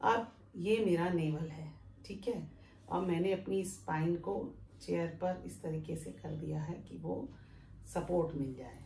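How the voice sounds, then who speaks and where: A woman yoga teacher giving a calm, step-by-step breathing lesson while she demonstrates it. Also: lowish voice, unhurried, vocal fry. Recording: echoey room with faint background noise.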